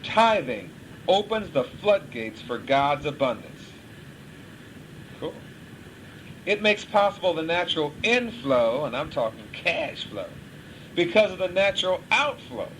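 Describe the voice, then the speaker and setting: A man gives a casual Bible lesson to a small group of couples, with a lively, bouncing delivery and a somewhat high voice. He chuckles as he talks and slips into playful voices to make his points. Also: unhurried, a little hiss or hum, low-quality recording. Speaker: couples class teacher.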